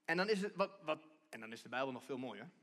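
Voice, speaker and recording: A man's voice: medium pitch, lively intonation, quick pace, fairly bright tone. A man giving a conversational sermon from a church stage, often restarting and repeating himself as he explains. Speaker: preacher.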